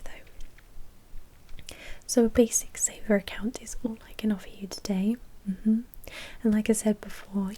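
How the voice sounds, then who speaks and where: In a whispered ASMR roleplay, a woman plays a polite, businesslike vampire blood bank manager, explaining procedures in a helpful, officious way. Her voice is medium-pitched and natural, dark in tone with a breathy edge.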